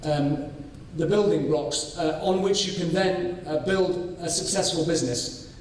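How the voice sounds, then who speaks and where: A man from North Wales, giving a conference presentation on his farming study, measured and full of ums and restarts. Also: fairly high pitch, slight background noise. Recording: echoey hall, voice from far off.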